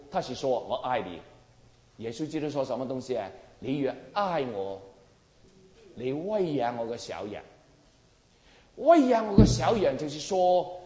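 A man delivers a sermon with forceful emphasis, his pitch leaping and falling dramatically as he presses rhetorical questions on his listeners. His voice sits a little high for a man. It rings out in a large hall with long, echoing reverb. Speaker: preacher.

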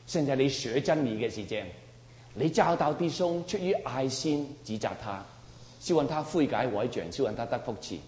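A man's voice: medium pitch, lively intonation, moderate pace, darkish tone. A man preaching a sermon emphatically, often asking the congregation rhetorical questions. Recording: roomy hall with long reverb.

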